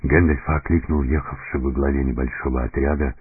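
A male narrator with a very deep, heavily husky voice delivers scripted audiobook narration in a deliberate, dramatic way, with little pitch movement. The dry recording has no room sound, is squeezed into a narrow, phone-like band, and has faint music underneath.

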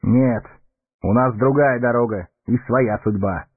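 A man's voice: medium pitch, unhurried, slightly rough, dry recording, voice pushed up. A man voicing a noble, brave male warrior heir with a solemn, dignified manner. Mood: grave. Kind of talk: audiobook character voice. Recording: tinny narrow-band recording, faint music.

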